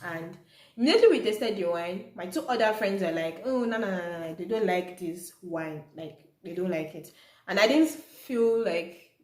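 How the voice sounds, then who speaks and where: Recorded in an echoey room, this young Nigerian woman with a fairly low voice talks at a moderate pace. She's a native Yoruba speaker, vlogging and telling her viewers a story in a casual, chatty way.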